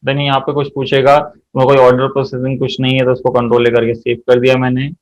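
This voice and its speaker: A man teaching an accounting software class, walking through each step and quizzing his students as he goes. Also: mid-range voice, monotone, fast, dull audio. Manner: explains step by step, often checks students' answers. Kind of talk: software tutorial lesson.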